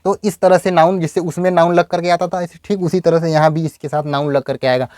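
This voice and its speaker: A man teaching English in a video lecture, explaining step by step and saying example sentences slowly. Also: a little high, fairly even intonation, darkish tone, dry recording, clean studio sound.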